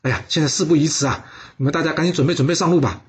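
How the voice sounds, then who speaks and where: A man's voice: fairly high pitch, steady tone, racing, lightly acted. A man voicing a kindly older male doctor who explains and reassures patiently. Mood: reassuring.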